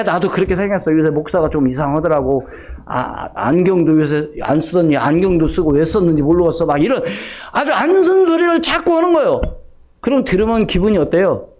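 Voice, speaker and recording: Preaching conversationally on a Sunday, a middle-aged male pastor performs little snippets of gossipy everyday conversation. He speaks in a high-pitched voice with a darkish tone.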